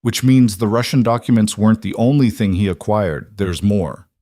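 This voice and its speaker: A man's voice: fairly low pitch, normal speed, dark tone, no echo, studio quality, close to an everyday voice. A man reading a cold mafia boss, Dominic. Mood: commanding. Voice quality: cold, controlled.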